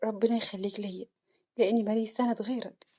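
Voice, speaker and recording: A wronged young wife in a spoken family drama, as a woman narrator puts her on, talking fast in a husky, breathy voice. Her voice stays near the narrator's own mid pitch. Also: steady tone, mellow, close to an everyday voice. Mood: choked, tearful. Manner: choked, then cold and mocking.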